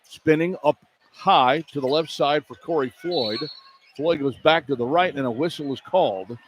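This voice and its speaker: His voice sits fairly high and moves at normal speed as he narrates a basketball game for live radio, clipping his phrases to keep up with the play. The American announcer works courtside inside an arena, with clear background noise from the live broadcast.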